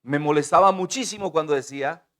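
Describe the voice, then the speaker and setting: A male pastor delivering a sermon, his fairly high voice rising to loud, drawn-out declarations and then dropping to quiet, quick asides. He keeps calling on the congregation to answer him and to repeat his phrases to one another. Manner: preaching with big swings in volume, booming then hushed; calls on the congregation to repeat and respond.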